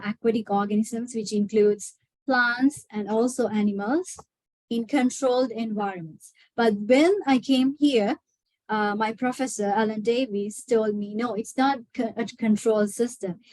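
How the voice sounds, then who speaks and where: A young Sri Lankan PhD student gives a webinar talk, hesitating often and using many fillers. Her voice is fairly high with a darkish tone, and the recording is rough but echo-free.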